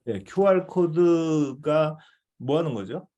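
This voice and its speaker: A man's voice: a little high, lively intonation, takes it slowly, dark tone, muffled recording. A male missionary teaching a devotional seminar in a conversational way, often checking in with his listeners.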